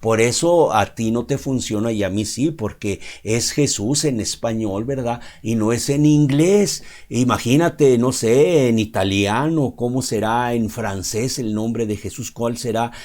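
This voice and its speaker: A man's voice: mid-range voice, darkish tone. A man giving an unscripted sermon, talking in a loose, conversational way and often checking in with his listeners. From Mexico. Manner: conversational, keeps asking "¿verdad?" and pausing with "este". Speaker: preacher.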